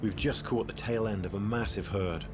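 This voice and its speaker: A man delivers scripted nature documentary narration in a measured, storytelling way. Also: fairly low pitch, fairly even intonation. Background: background music.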